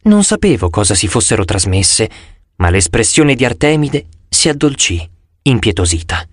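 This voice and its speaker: A man reading an audiobook with animated first-person storytelling. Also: fairly low pitch, normal speed, breathy edge, dry recording, studio quality. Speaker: audiobook narrator.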